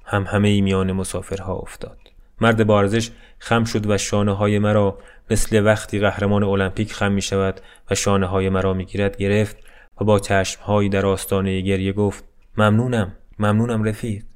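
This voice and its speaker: A man narrating a scripted story in a calm, melancholy, deadpan way. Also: lowish voice, clear, resonant tone. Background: faint music.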